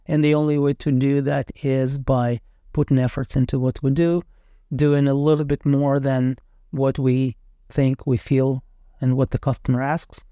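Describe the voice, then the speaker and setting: A man narrating an informal project review as a renovation company representative, speaking in a somewhat halting way with self-corrections. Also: medium pitch, level tone, mellow, clean tone, no echo.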